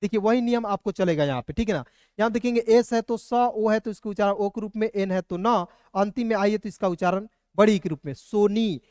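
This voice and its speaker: A man's voice: high voice, a little fast, darkish tone, no echo. Man teaching spelling, dry close sound. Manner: spells letter by letter, repeats "ठीक है ना". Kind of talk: online lesson.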